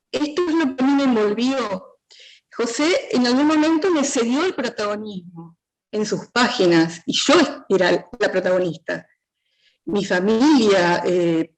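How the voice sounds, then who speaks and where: A woman with a Rioplatense Spanish accent giving a thoughtful, earnest talk at a book presentation, often pausing on "eh" fillers. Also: a little high, poor audio. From Río de la Plata region. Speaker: prologue writer speaking at a book presentation.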